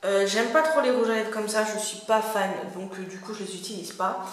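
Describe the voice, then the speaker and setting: A woman's voice: mid-range voice, a little fast. A young woman giving a casual makeup review as a beauty vlogger, chatty and hesitant with many fillers. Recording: very echoey room.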